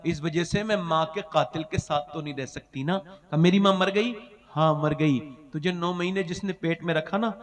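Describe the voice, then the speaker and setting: Male preacher, high voice, dramatic storytelling sermon, echoing PA reverb. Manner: dramatic, swinging from loud cries to hushed lines, half-sung phrases.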